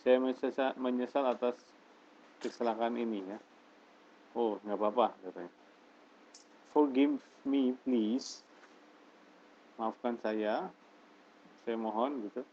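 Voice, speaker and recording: A man teaching an English lesson, slowly reading English example phrases and explaining them in Indonesian. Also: mid-range voice, steady tone, a little mellow, a little hiss or hum. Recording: dull lo-fi lesson recording.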